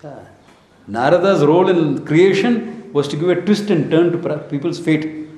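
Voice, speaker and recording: A spiritual teacher with an Indian accent gives an informal scripture lecture, telling stories in short, emphatic phrases, posing rhetorical questions and slipping into Hindi and Sanskrit. His voice is slightly high and a little mellow at a moderate pace, and the room is echoey.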